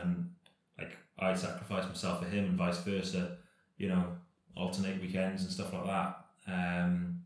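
A man in his thirties, a professional cyclist from Britain, chatting casually in an interview, relaxed and rambling with lots of fillers and restarts. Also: low voice, very echoey.

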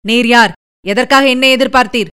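A woman's voice: fairly high pitch, steady tone, a little fast, sharp tone, smooth. A woman voicing a brave young warrior prince in a storybook reading, speaking earnestly and defiantly. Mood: startled.

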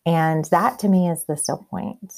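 A woman's voice: fairly low pitch, measured pace, darkish tone. A woman hosting a podcast talks conversationally in an informal, earnest, reflective way. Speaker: podcast host.

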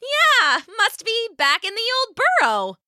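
A clever young female rabbit from a storybook, her voice pitched very high and squeaky, as a woman reading aloud puts her on. She sounds bright and eager, with quick, lively leaps in her tone. The sound is dry and close. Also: no room sound, exaggerated voice. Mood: pleading. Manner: squeaky, excited and pleading.

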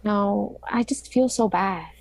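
Young woman with a gravelly, dry voice. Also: medium pitch, takes it slowly, dry recording. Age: young adult. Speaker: podcast co-host. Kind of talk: casual chat.

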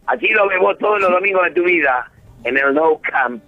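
A man's voice: sits high, expressive, moderate pace, dry recording, soft background music. A man with a Rioplatense Argentine accent, arguing as a radio guest in a teasing, combative way over a dull lo-fi phone line. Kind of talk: heated radio debate.

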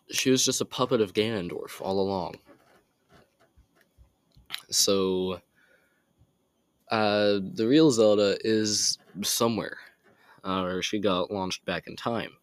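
A teenage boy talks through a game's story in an unhurried, meandering way, often drifting off track. His voice sits on the low side and sounds dry and close. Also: clean tone, no room sound. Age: teens. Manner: rambling, easily sidetracked, apologetic asides. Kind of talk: casual game recap.

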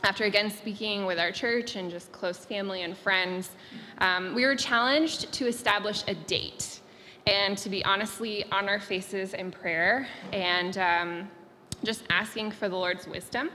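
A woman's voice: mid-range voice, a little slow, bright, forceful tone. A woman speaking as a missionary, sharing a sincere and reflective testimony. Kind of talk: personal testimony. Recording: echoey hall with faint noise.

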